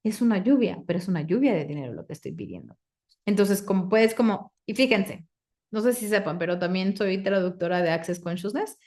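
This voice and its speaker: A woman, coaching a live group, asking the audience questions and reciting clearing phrases. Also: mid-range voice, animated, a little fast, a little mellow. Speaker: facilitator.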